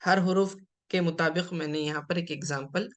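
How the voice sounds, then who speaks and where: A male Arabic grammar teacher with a Hyderabadi Urdu accent explains a slide lesson at a steady, patient pace. He repeats key terms and often checks that his listeners are following. He mixes English terms into his explanations. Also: on the high side.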